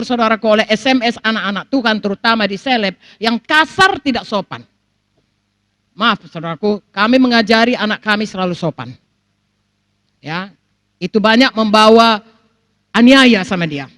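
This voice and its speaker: Her voice is on the high side and the recording is dry. This middle-aged pastor from North Sumatra delivers an animated sermon, performing the people she quotes and repeatedly speaking straight to the congregation.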